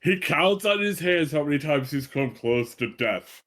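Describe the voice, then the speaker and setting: A man's voice: fairly high pitch, animated, moderate pace, a bit bright. A man playing a tabletop game with casual banter.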